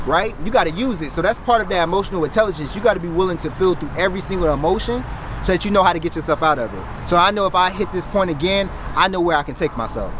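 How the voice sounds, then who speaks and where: A man's voice: high voice, lively intonation, fast talker, noisy background. An American man giving an emphatic, preacher-like motivational speech, repeating phrases and asking rhetorical questions. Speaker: motivational content creator.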